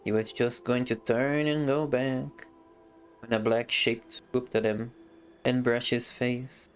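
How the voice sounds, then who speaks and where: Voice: medium pitch, steady tone, slow pace, smooth, soft background music. A streamer reading a fantasy novel aloud on a live stream, breaking off for casual, joking asides.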